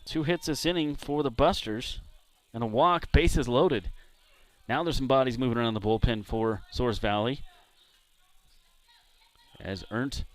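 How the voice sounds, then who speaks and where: A man from San Diego doing play-by-play commentary for a baseball game, chatting between pitches. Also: no echo. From San Diego, California. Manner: relaxed, chatty between pitches, jumps up loud on big hits. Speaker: play-by-play announcer.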